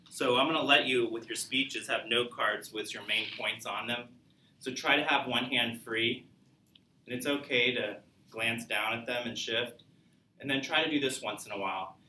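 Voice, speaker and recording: Bright-voiced male lecturer in an echoey classroom. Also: medium pitch, recorded from a distance, slight background noise. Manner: conversational, demonstrative, asks the class questions. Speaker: college speech instructor. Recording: echoey classroom recorded from afar.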